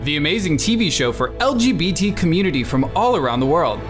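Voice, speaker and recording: Lively man voicing a promo. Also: on the high side, fast talker. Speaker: show trailer announcer. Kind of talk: scripted promo narration. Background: background music.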